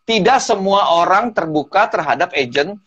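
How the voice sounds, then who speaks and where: A man with a high voice chats as a guest public speaking trainer. He tells stories with energy and drops English phrases into his talk. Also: normal speed, slightly rough, lo-fi sound. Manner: animated storyteller, mixes in English phrases. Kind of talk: casual talk-show chat.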